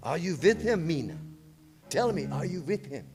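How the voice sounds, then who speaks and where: A man's voice: a little high, very animated, music in the background. A man as swooping, imperious Professor Van Helsing. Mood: grave, probing. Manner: deliberate, theatrical, imperious. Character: commanding older male professor, grave vampire hunter. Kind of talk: old-time radio acting.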